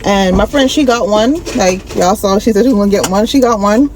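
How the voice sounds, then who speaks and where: A woman's voice: mid-range voice, brisk, darkish tone, rough recording. A woman vlogger chatting casually and informally, addressing her viewers directly in slangy speech. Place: partly inside a car. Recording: clear background noise, car ambience.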